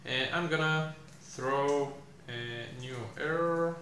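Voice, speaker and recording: Slow, thinking-aloud young man coding. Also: a little high, bright, forceful tone. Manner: thinking aloud, many fillers and pauses. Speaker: programming tutor. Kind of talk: live coding explanation. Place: small room indoors. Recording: echoey room, faint hiss.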